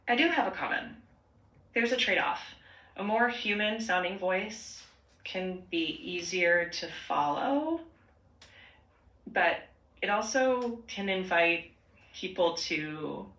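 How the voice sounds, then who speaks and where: Slow, gravelly synthetic woman's voice. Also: on the low side, dull audio. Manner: slow and tentative, with hedged, soft phrasing. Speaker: AI voice assistant. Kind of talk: measured conversational replies. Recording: echoey room.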